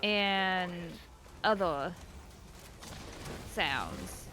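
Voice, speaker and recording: A woman's voice: on the low side, lively intonation, very slow, noisy background. Woman who says W for R. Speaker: guest on a game stream. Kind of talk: casual chat during a game stream.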